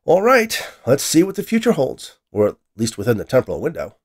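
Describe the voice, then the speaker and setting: In a science fiction story, a man voices an ambitious, excitable male scientist who is eager and grandiose. His mid-range voice is pushed up and moves briskly.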